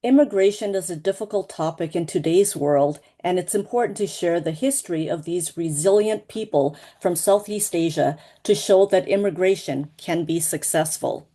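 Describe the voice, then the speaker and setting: Mellow-voiced woman presenting her book. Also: fairly low pitch, normal speed, few pauses. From Laos. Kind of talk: prepared reading at an online book launch. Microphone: video call.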